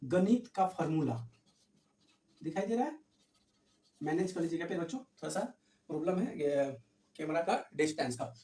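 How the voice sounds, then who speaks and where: A man's voice: a little high, lively intonation, normal speed, long pauses, mellow. A male teacher giving an exam-prep lesson. He asks his students rhetorical questions, answers them himself, repeats key words, and calls them dear children. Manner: addresses viewers as dear children. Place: room with a camera set back from him. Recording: echoey room, voice far from the mic.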